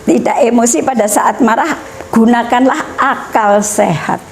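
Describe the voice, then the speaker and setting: A middle-aged woman explaining family topics in a measured, steady way. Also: fairly high pitch, a little hiss or hum. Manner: measured, explanatory, mixing in Javanese phrases. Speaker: guest speaker on family education. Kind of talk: educational talk.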